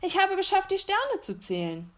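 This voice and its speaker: A woman's voice: very high-pitched, huge pitch swings, moderate pace, a bit bright, voice pushed up, exaggerated voice. A woman voicing a small bear cub in a storybook reading, raising her voice to sound childlike. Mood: proud. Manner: raised childlike voice. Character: small timid then stubborn male bear cub.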